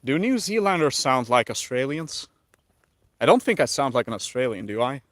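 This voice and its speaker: On a livestream, a man from the Netherlands with a slight Dutch accent relaxes into conversation, voicing chat messages and thinking through replies. He has a medium pitch and a moderate pace, and the recording is dry.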